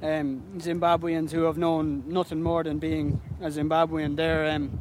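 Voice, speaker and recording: A man travelling outdoors who talks in a thoughtful, hesitant way with many pauses. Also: on the high side, level tone. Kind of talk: casual chat. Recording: outdoor recording with noise.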